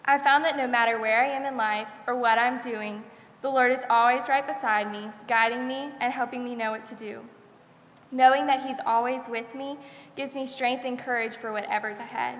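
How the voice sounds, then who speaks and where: A woman's voice: a little high, fairly even intonation, normal speed, a bit bright. A graduating senior girl in her late teens sincerely reading a devout farewell speech at a school chapel podium. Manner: sincere, devout thank-yous. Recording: echoey chapel with long reverb.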